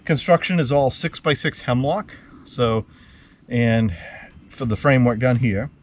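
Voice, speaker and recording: Winded male homestead host, casual and rambling, mid-pitch, outdoors with faint ambient noise. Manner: relaxed, rambling, with many fillers. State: out of breath. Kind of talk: casual on-site walkthrough. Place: outdoors at a building site.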